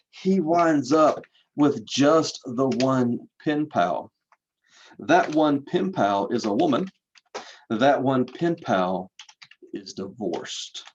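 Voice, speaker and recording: A man's voice: medium pitch, muffled recording, a little hiss or hum. A man, a college instructor telling a story in a lecture, using rhetorical questions and dramatic repetition.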